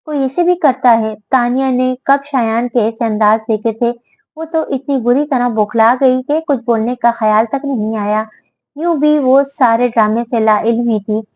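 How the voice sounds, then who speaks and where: Woman narrator, bright high voice, close dry mic, steady audiobook read. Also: a little slow, no room sound, rough recording. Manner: steady storytelling delivery.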